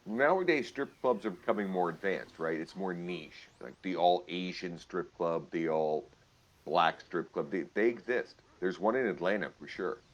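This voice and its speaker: Low-voiced joking man in his forties. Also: normal speed. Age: 40s. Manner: joking, bantering. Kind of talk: casual chat.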